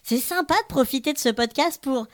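Woman playing a cheerful, high-pitched little Christmas elf. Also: brisk, lightly acted. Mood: playful, warm. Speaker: podcast host. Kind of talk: playful scripted children's podcast.

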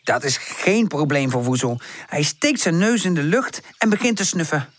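A woman narrating a children's audiobook with expressive storytelling. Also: sits low, moderate pace.

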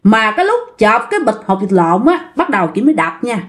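Woman, casual ghost-story teller, chatty, talks to listeners, higher voice. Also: big pitch swings, brisk. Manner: chatty, addresses listeners directly.

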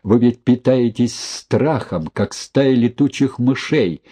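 A man voicing a brave, defiant young woman in an audiobook, speaking slowly in a hushed, steady way. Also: mid-range voice, husky.

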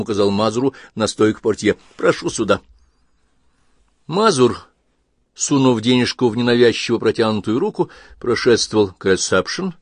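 Male audiobook narrator, low voice, wry and even, dry close mic. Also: no echo.

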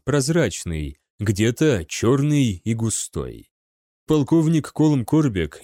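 Man reading an audiobook, mellow tone, dry close sound, steady pace. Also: medium pitch, dry recording. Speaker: audiobook narrator. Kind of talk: scripted narration.

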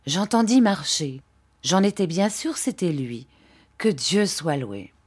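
A woman narrating a classic novel as an audiobook, in a measured and expressive way. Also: on the low side, breathy edge.

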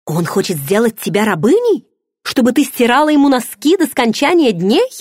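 A woman's voice: a little high, big pitch swings, normal speed, darkish tone, dry recording, clean studio sound, voice pushed up. A woman voicing a playful, nosy young pregnant friend who teases with pushy questions. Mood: teasing. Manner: teasing, bubbly, pushy questions.

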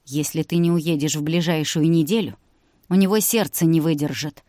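Woman doing a gloomy young guy, low grudging mutter, dry close sound. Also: normal speed, mellow, no echo, natural voice. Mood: glum wry. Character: young man, gloomy, wry, reluctant.

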